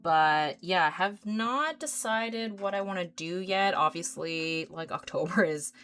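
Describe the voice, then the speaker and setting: A woman in her thirties hosts an art livestream, chatting casually while she paints. She rambles with lots of fillers and giggles easily. Her voice is low, smooth, and a bit bright, and she speaks a little slowly.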